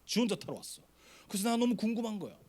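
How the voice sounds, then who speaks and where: A man's voice: high-pitched, big pitch swings, fast, darkish tone. A middle-aged man, a pastor, telling a story in a sermon to a youth retreat and acting out the voices.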